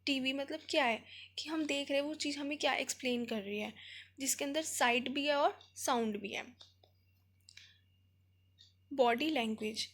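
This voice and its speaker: A woman with an Indian accent teaching an exam revision lecture, explaining in Hindi mixed with English terms and reading headings out slowly. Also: high voice, fairly bright tone.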